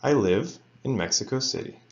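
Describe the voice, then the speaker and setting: A man teaching an English grammar lesson to students, reading example sentences slowly and carefully. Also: mid-range voice, lively intonation, lo-fi sound. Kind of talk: recorded lecture for students.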